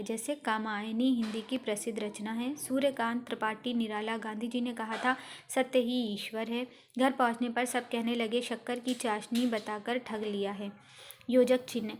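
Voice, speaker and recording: A woman teacher explaining a grammar lesson to children, reading example sentences aloud. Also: on the high side. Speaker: school teacher.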